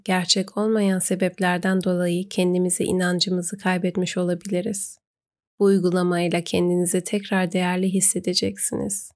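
A woman narrating a guided meditation, giving gentle, unhurried instructions with pauses. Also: lowish voice.

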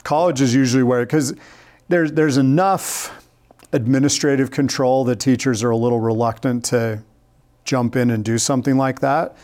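A man's voice: mid-range voice, fairly even intonation, moderate pace, a little mellow. A middle-aged man co-hosting a casual podcast, upbeat and laughing often as he explains at length. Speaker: podcast co-host.

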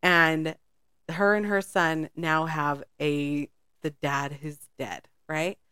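A woman's voice: sits low, flat delivery, slow, pushed and bright, clear, resonant tone, dry recording, clean studio sound. A woman co-hosting a podcast, telling a spy story in a rambling, casual way and laughing often. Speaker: podcast co-host.

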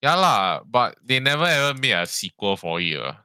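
A man's voice: mid-range voice, sing-song, normal speed, bright, forceful tone, smooth, no room sound. A man in casual podcast chat, rambling and tagging sentences with "lah". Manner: rambling, frequent "lah" and "ah" tags, swears. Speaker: podcast co-host.

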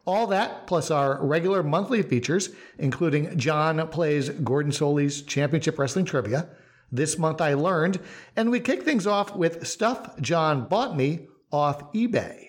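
Chatty male podcast host, higher voice. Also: unhurried. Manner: relaxed, rambling with fillers and restarts. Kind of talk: casual podcast chat.

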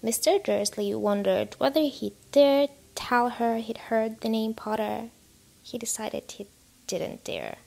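A woman narrating a story aloud in a whispered role-play, soft and unhurried. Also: a little high, gravelly. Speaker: audiobook narrator.

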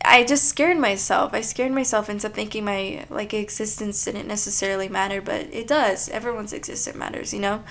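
A woman's voice: medium pitch, fairly bright tone. A young woman hosting a solo podcast, talking in a chatty, confessional way with plenty of filler words. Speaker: podcast host. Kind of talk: casual solo podcast monologue.

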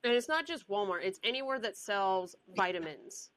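A woman's voice: medium pitch, expressive, normal speed, a bit bright, rough recording. A young woman hosting a casual podcast chat, giving frank advice and sometimes losing her train of thought. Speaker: podcast host.

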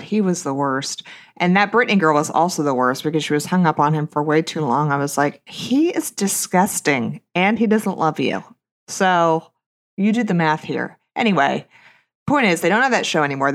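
Female podcast host, 30s, low register with vocal fry; blunt, sarcastic, gossipy solo chat. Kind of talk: casual solo hot-topics monologue.

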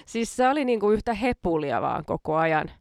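A woman's voice: medium pitch, very animated, no echo, studio quality. A woman hosting a podcast in casual chat, self-mocking and laughing often between her words. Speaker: podcast host.

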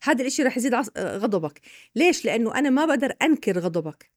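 A woman's voice: on the high side, sing-song, rapid-fire, no room sound. A woman with a Levantine Arabic accent, patiently explaining ideas with examples as a guest expert on a podcast.

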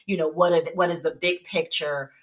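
A woman from Chicago co-hosting a podcast, telling a story in a lively, familiar way and calling listeners honey and baby. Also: sits low, a little fast. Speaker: podcast co-host. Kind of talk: casual chat.

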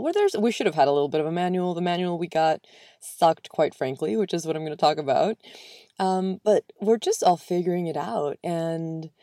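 A woman's voice: sits low, warm tone, no echo, clean studio sound. A young woman hosting her own podcast, talking reflectively about her life, with frequent fillers. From born in Venezuela, raised in Spain and the US. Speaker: podcast host. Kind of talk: solo podcast monologue.

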